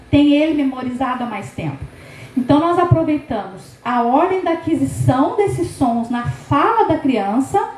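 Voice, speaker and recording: A woman with a Brazilian Portuguese accent lectures teachers on education in a high, slightly mellow voice. She asks rhetorical questions and sounds out syllables as she explains, captured in a roomy, rough recording.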